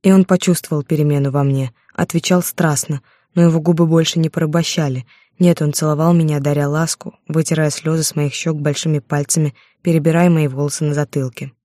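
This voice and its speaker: A woman narrating a first-person romance novel in a steady storytelling voice, on a close microphone. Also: low voice, fairly quick, hardly any pauses, no echo. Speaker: audiobook narrator.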